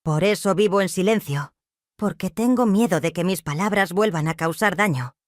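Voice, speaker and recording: A woman's voice: fairly low pitch, moderate pace, no room sound, studio quality, close to an everyday voice. A woman reading the lines of a grief-stricken widowed mother, confessing in a trembling, sobbing voice. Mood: despairing.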